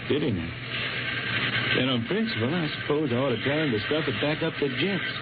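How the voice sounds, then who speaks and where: An actor playing a worn-down, blind wandering space singer with a folksy drawl, in 1950s radio drama style, heard through an old AM radio broadcast. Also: male voice, medium pitch, lively intonation, brisk, narrow, tinny audio, heavy background noise. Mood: bitter. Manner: folksy drawl, plain country grammar. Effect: old AM radio broadcast sound.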